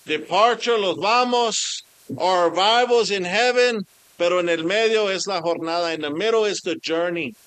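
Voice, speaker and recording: Switching back and forth between English and Spanish, this preacher pauses now and then to hunt for a word mid-sermon. He has a high, slightly bright voice, captured in a dry recording.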